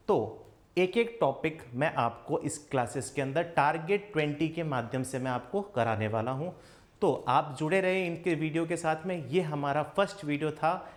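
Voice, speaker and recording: A man teaching English grammar in a coaching class. He keeps asking questions and answering them himself, and he says his English examples slowly. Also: fairly high pitch. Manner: slow, spelled-out English examples. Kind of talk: classroom lesson.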